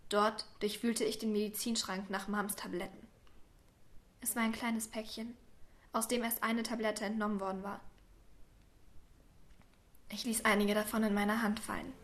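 A woman reading a first-person story aloud in a quiet, subdued way, sometimes dropping to a whisper. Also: medium pitch. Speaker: narrator.

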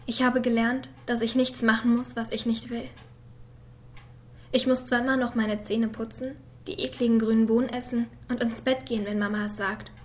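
A woman voicing a quiet, hurt young girl who reads a letter to her father in a soft voice that sometimes drops to a whisper. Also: fairly high pitch, level tone, normal speed, close to an everyday voice. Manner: soft and subdued, at times whispered. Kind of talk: voice-over reading of a letter.

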